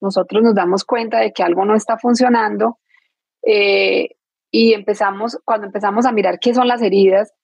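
A woman's voice: medium pitch, fairly even intonation, moderate pace, gravelly, a little mellow, breathy edge, no room sound. Woman explaining with homey examples. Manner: teaches with everyday examples, frequent restarts. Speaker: guest speaker on emotional wounds. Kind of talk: explanatory interview talk.

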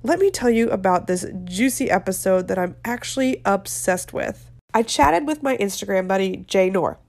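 A dietitian from Florida hosts a nutrition podcast over a video call, speaking casually at normal speed. Her medium-pitched, expressive voice is creaky and darkish, and a head cold leaves it nasal and stuffed-up.

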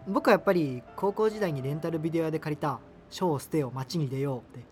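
In a radio drama, an actor plays a young adult male university student who is earnest, self-conscious and obsessed with a subculture, delivering both dialogue and inner narration. He sounds awkward and earnest, hesitant and apologetic, speaking fast in a voice on the high side. The voice is natural, the recording has a big-room sound, and music plays behind him.

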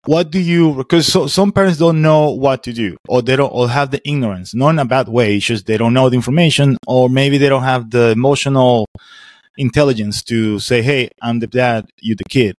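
A man hosting a podcast interview. He speaks haltingly and often repeats words as he searches for phrasing. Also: medium pitch, no echo, clean studio sound. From Venezuela. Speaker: podcast host.

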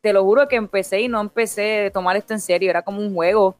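Young Puerto Rican woman, streamer guest, chatty and giggly, mid-pitched, dry close recording. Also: fairly even intonation, quick pace, no echo, soft background music. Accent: Puerto Rican Spanish. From Puerto Rico. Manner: chatty, laughs often, mixes in English words. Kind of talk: casual interview chat.

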